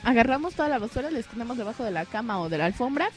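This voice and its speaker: A woman with a Mexican accent, a little hoarse, telling comic school stories in a casual vlog and acting out other people in squeaky voices. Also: very fast. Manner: animated, acts out others in squealing high voices. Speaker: vlogger. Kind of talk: casual comedic monologue.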